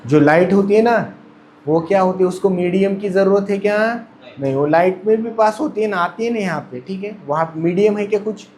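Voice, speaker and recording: A man teaches a chemistry class in a fairly high voice. He keeps repeating questions and then answering them for the students, with faint room noise behind him. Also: brisk, a little mellow. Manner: repeats questions and answers them himself, mixing Hindi and English; calls out to students, urging them to answer aloud. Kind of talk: classroom lecture.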